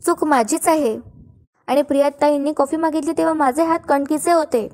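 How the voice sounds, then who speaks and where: A woman's voice: high-pitched, steady tone, moderate pace, darkish tone. Woman reading as a meek household helper. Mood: apologetic. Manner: meek, deferential.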